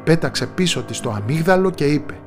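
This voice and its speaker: A man's voice: lively intonation, faint music behind. Man narrating a fairy tale. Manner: measured storyteller's telling, dropping low in quiet moments.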